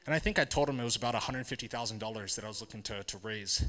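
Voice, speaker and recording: A man giving a live conference talk, earnest and halting, with many fillers and restarts. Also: fairly low pitch, fairly bright tone. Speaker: conference speaker. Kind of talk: live presentation to an audience. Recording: hall reverb.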